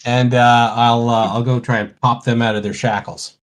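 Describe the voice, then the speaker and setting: A man's voice: medium pitch, flat delivery, moderate pace. A man playing a tabletop role-playing game, thinking aloud and rambling with fillers. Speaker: player. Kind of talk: casual tabletop game play.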